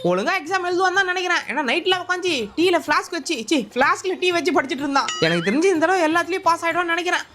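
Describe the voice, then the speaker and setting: A woman playing the anxious guardian of a schoolboy, explaining things rapidly. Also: extremely high pitch, expressive, a bit bright, soft background music. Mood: worried.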